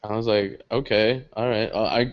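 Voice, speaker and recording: A young man, the podcast co-host, telling a story in casual chat, animated and swearing freely, laughing often. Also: fairly low pitch, normal speed. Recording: dull lo-fi podcast audio.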